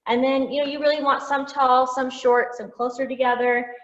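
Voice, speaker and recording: A woman's voice: sits high, flat delivery, normal speed. Chatty woman teaching painting over a video call. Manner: chatty, with frequent "um" fillers and gentle self-teasing. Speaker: painting instructor. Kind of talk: step-by-step painting lesson. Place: art studio. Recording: roomy lo-fi video call audio.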